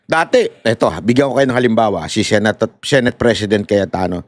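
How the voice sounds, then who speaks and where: A man's voice: lowish voice, a little fast, no room sound. A man giving mocking political commentary to viewers, switching between languages and laughing often. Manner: animated and mocking, mixing Tagalog and English, laughing often. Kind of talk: live commentary addressing viewers.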